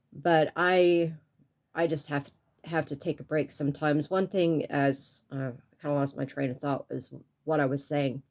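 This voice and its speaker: A woman with a notably low voice talks straight to her viewers in a personal vlog. She is earnest and soft-spoken, her sinuses sound stuffy, and tears sit close behind her words. She speaks haltingly, with many pauses and restarts. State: tearful. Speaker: YouTube art channel creator.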